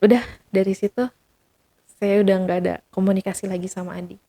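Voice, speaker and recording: A woman's voice: medium pitch, quick pace. A woman guest telling a personal story in casual speech, acting out the quoted dialogue with energy. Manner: animated, acts out the quoted dialogue.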